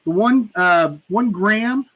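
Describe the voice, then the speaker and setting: A man chats through a live stream giveaway in an unhurried, drawn-out way. His voice sits noticeably high for a man. He is chatty and keeps circling back to repeat himself playfully. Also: a bit bright, husky, poor audio. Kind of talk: casual live stream chat.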